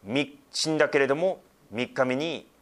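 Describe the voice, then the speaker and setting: Explaining scripture at normal speed, this middle-aged pastor has a medium-pitched, slightly bright voice. His sermon feels like a conversational lesson, often drifting into asides.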